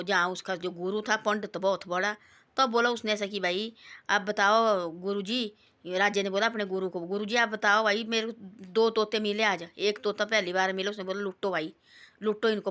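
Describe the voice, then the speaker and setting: A woman with a bright, ringing voice talks in a casual, rambling way. She retells a simple moral story and slips into quoted lines as she goes. Her delivery is homely and devotional. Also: mid-range voice. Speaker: devotional vlogger.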